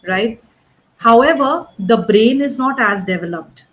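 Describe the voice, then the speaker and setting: A woman's voice: fairly high pitch, animated, measured pace, a bit bright, poor audio. A woman tutoring English one-on-one. She works patiently through grammar and pronunciation corrections and keeps checking understanding with "right?" and "correct?". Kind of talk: one-on-one spoken English coaching.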